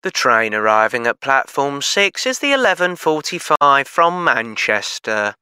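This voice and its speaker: A man playing a train station announcer, reading the announcement in a formal, measured way for a scripted exam recording. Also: a little high, pushed and bright, clean tone, dry recording, exaggerated voice.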